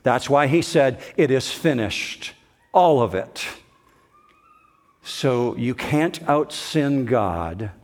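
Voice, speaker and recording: Male pastor, mid pitch, unhurried, emphatic sermon delivery. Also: animated. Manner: slow, emphatic preaching with rising intensity.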